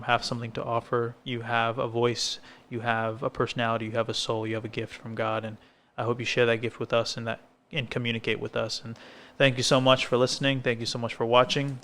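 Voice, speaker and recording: A man co-hosting a podcast on a coffee shop set, with a smooth, resonant voice and a flat, steady delivery. He talks casually and rambles, with plenty of fillers and restarts. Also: medium pitch, a little fast. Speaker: podcast co-host. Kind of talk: casual conversation. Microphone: filmed podcast set.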